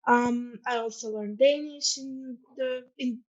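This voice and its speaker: A woman's voice: on the high side, steady tone. Croatian-accented young woman presenting earnestly. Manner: earnest, fills pauses with um and uh. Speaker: student ambassador. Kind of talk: informal presentation. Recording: dull lo-fi sound.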